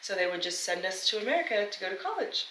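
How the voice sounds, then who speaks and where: A woman's voice: mid-range voice, big pitch swings, quick pace, pushed and bright, recorded from a distance. A woman guest who grew up in Peru, telling her story in a blunt, candid way on a casual podcast. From grew up in Peru, born in the US. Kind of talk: casual chat. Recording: echoey room, a little off the mic.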